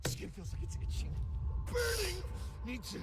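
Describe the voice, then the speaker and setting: Frantic unhinged killer, shrill yelling, wild pitch, loud music behind. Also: male voice, huge pitch swings, moderate pace, exaggerated voice. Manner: frantic screaming. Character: unhinged male killer inmate, panicking. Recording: game audio with loud music.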